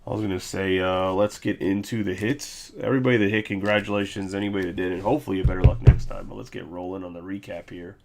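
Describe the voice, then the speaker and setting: A man's voice: deep voice, steady tone, fast, gravelly, few pauses, a little mellow, faint music behind. A man hosting a live card break, casually recapping hits with loose jokes and asides. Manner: loose, joking, reads off card names.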